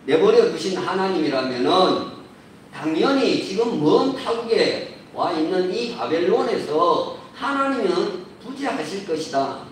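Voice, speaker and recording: A man preaching a sermon as a pastor, measured and building to emphatic points, recorded in a church sanctuary. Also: high-pitched, expressive, slight background noise. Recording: roomy echo, distant mic.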